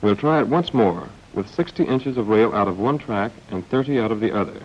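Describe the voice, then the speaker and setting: A brisk American man with a lowish voice and lively intonation narrates a scripted 1940s training film in a wry, understated way. The film voice-over carries slight background noise on its dull, band-limited old soundtrack.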